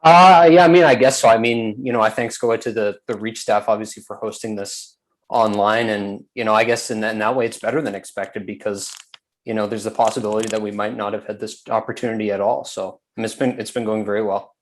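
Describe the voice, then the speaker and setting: A young man answers interview questions as a student guest. He sounds dry and relaxed, pausing and hedging before he answers. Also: fairly low pitch, rough recording.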